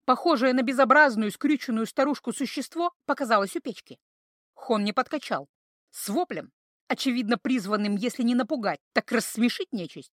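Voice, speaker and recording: Expressive woman reading a fairy-tale audiobook. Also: fairly high pitch, dry recording, studio quality. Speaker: audiobook reader.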